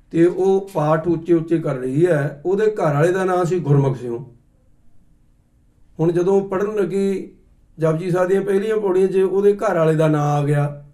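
Preacher, middle-aged man, a touch high in pitch, story-driven sermon delivery. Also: warm tone. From Punjab. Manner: storytelling, acts out quoted voices, slow deliberate explanations. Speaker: Sikh preacher. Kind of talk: katha sermon with anecdotes.

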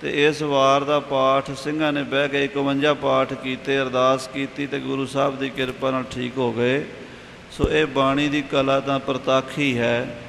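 A man giving a calm, instructive sermon, explaining how scripture should be read. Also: medium pitch. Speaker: religious teacher explaining scripture. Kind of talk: sermon with reading guidance. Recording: echoey hall with faint hiss.

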